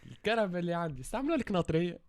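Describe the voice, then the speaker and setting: A young man with a Tunisian accent bantering and teasing as a contestant in a car guessing game, often repeating his words quickly. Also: high-pitched, very animated, darkish tone, slight background noise. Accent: Tunisian Arabic.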